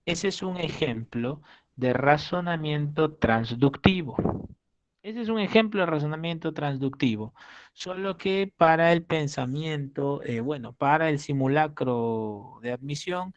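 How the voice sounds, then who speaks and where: A man's voice: fairly high pitch, expressive, a little slow, no room sound, dull audio. A man teaching an exam-prep lesson, explaining with acted examples and checking in often with the class.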